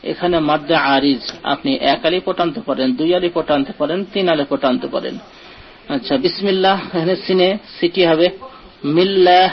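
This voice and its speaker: A man teaching the rules of Quran recitation, explaining each rule step by step and slowly chanting the example words. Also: fairly high pitch. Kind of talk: online tajweed lesson explanation. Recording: dull lo-fi audio.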